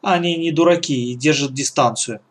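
Storybook boy, calm and hushed, voiced by a male reader. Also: on the high side, moderate pace, natural voice. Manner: hushed, steady. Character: calm, level-headed boy, quiet.

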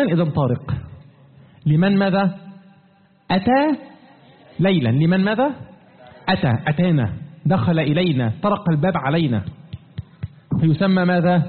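A man teaching a Quran commentary class, lively, asking his students questions and answering them himself, and chanting verses slowly. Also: sits high, breathy edge. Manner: recites verses in a slow chant. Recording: tinny phone-like line with long reverb.

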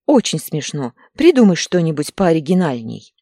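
A woman reading a distraught middle-aged woman in a storybook, agitated and accusing. The voice stays low and husky, with wide, lively pitch. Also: moderate pace, dry recording, studio quality, exaggerated voice. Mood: shouting.

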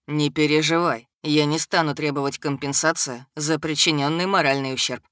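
A woman voicing a calm, sarcastic, centuries-old male dragon shapeshifter in an audiobook, in a low vibrating voice. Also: normal speed, no echo, clean studio sound. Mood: calm, sardonic. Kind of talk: audiobook character voice.

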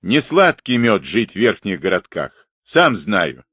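A man's voice: lowish voice, big pitch swings, a little slow, fairly bright tone, no room sound, clean studio sound, heavily acted. A man voicing a stern young Cossack who admonishes firmly. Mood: admonishing. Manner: firm, admonishing.

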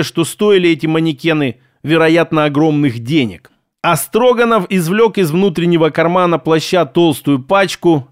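A man narrating a first-person story as an audiobook in an even storytelling manner. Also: fairly high pitch, no echo, studio quality.

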